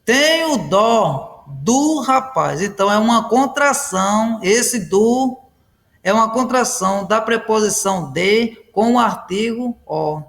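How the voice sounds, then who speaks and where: Repeating each grammar point, a male teacher keeps checking on his students with "ok?" and "pessoal". He speaks at a measured pace in a high-pitched, slightly bright voice.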